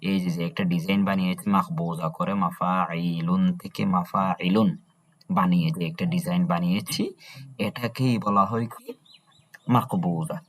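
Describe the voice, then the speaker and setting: A man with a Bangladeshi Bengali accent teaching Arabic prosody in a classroom lecture, asking himself questions and answering them, and drawing out meter syllables slowly. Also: low voice, steady tone, a little hiss or hum.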